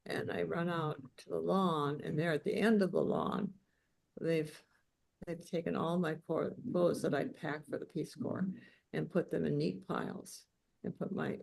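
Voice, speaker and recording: Gravelly-voiced woman telling a memoir story. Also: low voice, a little mellow. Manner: halting, with many fillers and restarts. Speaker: memoir author giving a lecture. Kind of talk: personal storytelling lecture.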